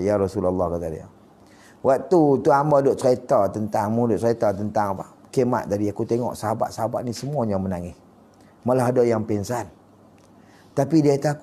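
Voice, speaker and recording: Mellow-voiced religious teacher storytelling. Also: male voice, on the high side. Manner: storytelling, swinging between loud and quiet asides. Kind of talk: kitab study lecture. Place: mosque lecture hall.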